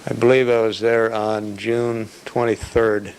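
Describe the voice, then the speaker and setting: A man testifying as a detective witness in a courtroom recording, giving terse, measured and cautious answers under cross-examination. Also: on the low side, flat delivery, a little hiss or hum.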